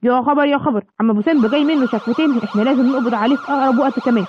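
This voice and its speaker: A woman's voice: high voice, racing, natural voice. Woman doing a stern Egyptian police officer. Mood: officious. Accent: Egyptian Arabic. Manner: officious, lecturing. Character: male police officer, stern but soft-hearted. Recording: dull lo-fi, clear background noise.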